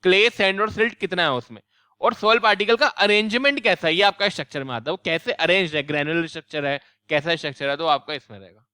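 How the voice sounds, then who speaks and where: A young man teaching exam questions, mixing Hindi and English, reading questions slowly and then explaining quickly. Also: high-pitched, sharp tone, clean tone, dry recording, studio quality.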